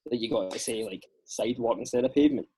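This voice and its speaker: A young Scottish man with a husky, slightly breathy voice, chatting on a podcast. He talks in loose, animated stories that are packed with fillers. His pitch sits in the middle range for a man. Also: fast talker. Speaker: actor guest. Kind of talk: casual podcast chat.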